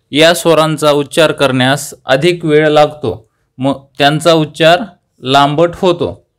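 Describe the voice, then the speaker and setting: A young man with a Marathi accent teaches a grammar lesson, saying key terms slowly, repeating them, and posing questions he answers himself. His voice is fairly high, clear, and resonant.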